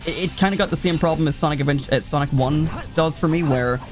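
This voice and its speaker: A man with a slightly high voice talks quickly, giving casual let's play commentary full of swearing. He rambles and keeps cutting himself off as he reacts to the game, with loud video game music playing behind him.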